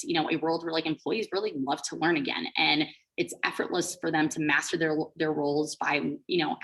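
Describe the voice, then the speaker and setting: A startup co-founder from Switzerland and the Bahamas presents as a guest speaker, her talk chatty and explanatory and full of "like" and "you know." The audio is poor, and her voice is low with a slight brightness.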